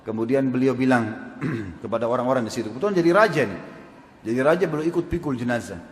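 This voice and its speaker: A man's voice: mid-range voice, fast talker. A man preaching a sermon, asking his audience questions and acting out quoted speech. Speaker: Islamic preacher. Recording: echoey hall with long reverb.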